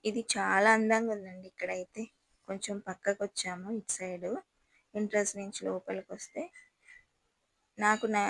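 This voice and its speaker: Woman showing viewers round, gravelly flat voice, dry sound. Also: medium pitch, no echo, poor audio. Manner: chatty and admiring, addresses viewers directly. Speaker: travel vlogger touring a palace. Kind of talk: casual guided tour narration.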